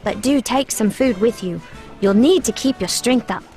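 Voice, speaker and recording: A woman voicing a kindly castle maid in a video game, gently urging the hero to look after himself. Her voice sits a little high, and soft music plays underneath. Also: moderate pace, lightly acted. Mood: caring. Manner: patient, motherly advice.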